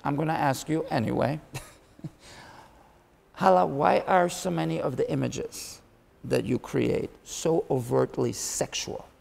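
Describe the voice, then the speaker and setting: A man's voice: fairly high pitch, slow pace, vocal fry, darkish tone, in a large hall, slight background noise. A man hosting an interview, musing and hesitant with fillers. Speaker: interviewer host.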